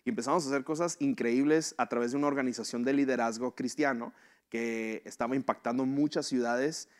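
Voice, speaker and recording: A man's voice: medium pitch, steady tone, a little fast. Joking preacher telling his story. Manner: conversational, humorous, asks "¿verdad?" often. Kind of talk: sermon with personal testimony.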